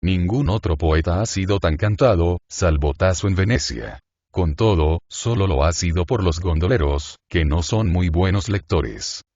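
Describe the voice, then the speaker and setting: A man narrating a philosophical essay as an audiobook, in a measured, even reading. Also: low-pitched, dry recording, dull audio.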